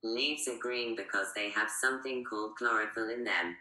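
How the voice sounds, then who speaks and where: A synthetic woman's voice playing a robotic AI chatbot assistant with a flat, polite, even machine delivery. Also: rumbling low, moderate pace, echoey room, rough recording. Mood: explaining. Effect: robotic text-to-speech voice.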